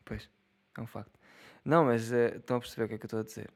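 A young man with a European Portuguese accent riffs alone to his audience in a casual monologue. He jokes, swears freely and laughs at his own lines, his voice sitting at an ordinary mid pitch. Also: steady tone, rapid-fire, vocal fry. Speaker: solo podcaster. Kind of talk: casual solo monologue to viewers.

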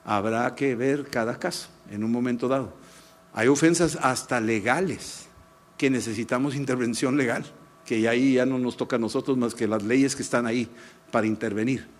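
A middle-aged man with a Mexican Spanish accent, preaching a sermon and telling a personal story in a lively, emphatic way. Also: mid-range voice. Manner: lively, shifts between animated anecdote and slow emphatic teaching. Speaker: pastor.

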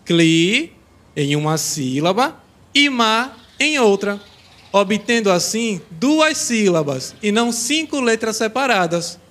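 A man's voice: high-pitched, very animated, a little slow, fairly bright tone, slight background noise, exaggerated voice. A man voicing a cheerful, helpful young schoolboy in a children's educational audio drama. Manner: cheerful, helpful, explains patiently.

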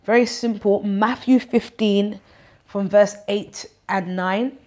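A woman's voice: mid-range voice, fairly even intonation, takes it slowly, dark tone. A woman pastor with a lisp, exhorting church members on a live stream in a firm, directive way and repeating her key points. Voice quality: lisp, from awaiting braces or dental appliance.

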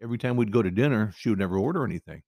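A man's voice: lowish voice, animated, very fast, mellow, no room sound, clean studio sound. A man hosting a podcast, telling a personal story in a rambling, conversational way with frequent restarts.

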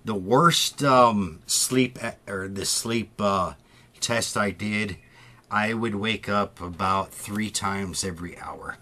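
A middle-aged man from the Midwest chatting on a podcast, his voice bright and forceful. He stammers and restarts often, trips over his own sentences, and laughs readily. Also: lowish voice, takes it slowly. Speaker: podcast co-host. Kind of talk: casual chat.

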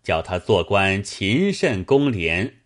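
Man, storyteller, low voice, reading a classical tale, slow and lively in pitch.

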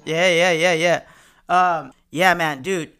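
Boisterous hype-man podcast host, clear voice. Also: on the high side, steady tone, slow, pushed and bright. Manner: boisterous, repeats phrases, swears freely. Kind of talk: hyped, slangy party podcast hosting.

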